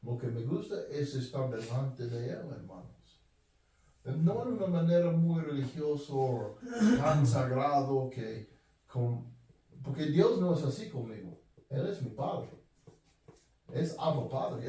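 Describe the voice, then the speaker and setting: A man with a high voice preaching a sermon, earnest and direct, circling back over his own phrases. He is picked up from well away from the mic, and his words ring around a very reverberant room. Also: dark tone. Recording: very echoey room, voice from far off.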